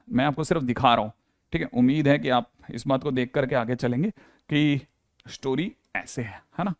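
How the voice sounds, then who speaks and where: A man's voice: fairly high pitch, a little mellow, no room sound, studio quality. A male maths teacher giving a casual board lecture, often checking in with the class and acting out the students' questions. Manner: chatty, repeats "ठीक है" often, acts out students' questions.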